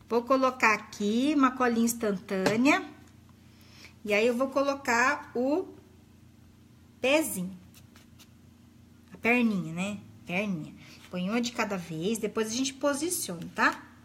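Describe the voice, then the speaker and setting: A woman's voice: on the high side, fairly bright tone, slight background noise. A middle-aged woman, hosting a live craft tutorial in a chatty, affectionate way and greeting viewers by name. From Brazil.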